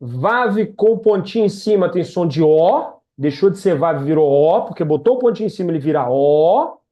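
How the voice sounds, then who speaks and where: A woman's voice: on the low side, expressive, normal speed. A woman tutoring a student one-on-one in reading Hebrew, patient and encouraging, speaking over a video call. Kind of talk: one-on-one language lesson. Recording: dull lo-fi sound.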